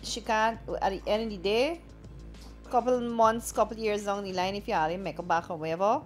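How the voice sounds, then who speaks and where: A woman's voice: medium pitch, fairly quick, soft background music. A woman with a Guyanese accent, teasing the others in a casual podcast chat. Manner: sassy, teasing, animated. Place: small studio lounge.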